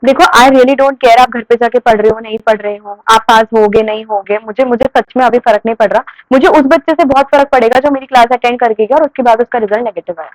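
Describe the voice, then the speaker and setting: A high-pitched young woman lectures a classroom on commerce. She keeps asking questions and answering them herself, and her voice sounds dry and close. Her tone turns firm when she scolds the class. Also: fast, few pauses, no echo, low-quality recording. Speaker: teacher.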